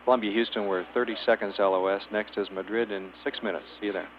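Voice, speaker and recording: Flat-toned man on mission control radio. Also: lowish voice, fast. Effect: radio transmission. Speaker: mission control spacecraft communicator. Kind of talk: procedural radio communication. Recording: dull narrowband radio, faint hiss and hum.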